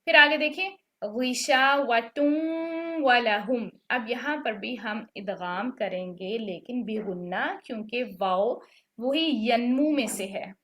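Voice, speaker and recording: A woman's voice: on the high side, expressive, unhurried, fairly bright tone. A woman teaching a Quran recitation class, patiently explaining rules and checking that students follow. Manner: patient, checks understanding with "ठीक है?". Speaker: tajweed teacher. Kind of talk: online class instruction.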